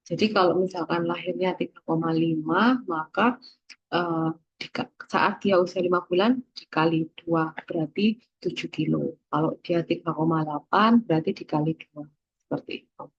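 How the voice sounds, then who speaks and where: A woman's voice: lowish voice, moderate pace, creaky, breathy edge, dry recording, muffled recording. A woman giving a recorded lecture, explaining step by step and checking in with her listeners.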